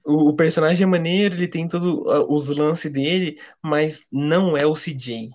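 A young man speaks with a Brazilian Portuguese accent in a fairly high voice. He chats informally, full of slang, and the recording sounds dull and lo-fi. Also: moderate pace, a little mellow. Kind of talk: casual chat.

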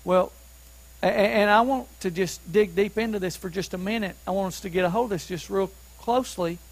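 A man preaching a sermon as pastor, who asks the listeners questions and rises to emphatic shouts on key points. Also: high-pitched, fairly quick, low-quality recording. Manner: asks the congregation questions to keep them following.

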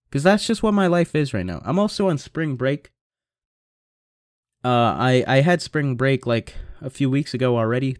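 A man's voice: medium pitch, a little mellow, smooth, no room sound, studio quality. A young American man with a congested, nasal voice, chatting in a rambling, slangy, laid-back way as a solo podcast host. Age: young adult. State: stuffed-up nose. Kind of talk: casual solo podcast chat.

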